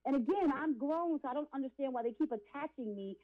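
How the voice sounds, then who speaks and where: Her voice is high-pitched, animated and quick as she testifies over a phone-quality line. The late-forties woman is an interview guest and R&B and gospel singer, and she speaks in an impassioned, preachy manner full of emphasis and repeated phrases.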